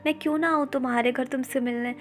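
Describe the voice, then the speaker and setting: Tearful young noble boy, pleading, voiced plainly by a woman, raised voice, soft music under. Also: high voice, fairly even intonation, fast talker, lightly acted. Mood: hurt. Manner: pleading, upset.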